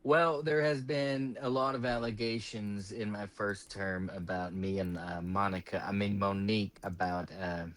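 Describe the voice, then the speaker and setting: Low-voiced man playing a game president. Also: level tone, fairly bright tone. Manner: halting, self-correcting. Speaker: player acting as president in a roleplay game. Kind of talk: role-play speech.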